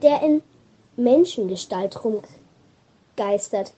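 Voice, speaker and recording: A woman's voice: fairly high pitch, lively intonation, slow pace, warm tone, husky, dull audio, exaggerated voice. A woman voicing a witty teenage schoolgirl with dry, wisecracking humor in a storybook reading.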